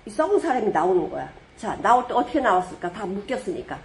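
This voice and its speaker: A woman pastor preaching a sermon with lively storytelling, asking rhetorical questions and suddenly booming out dramatic quotations. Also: fast.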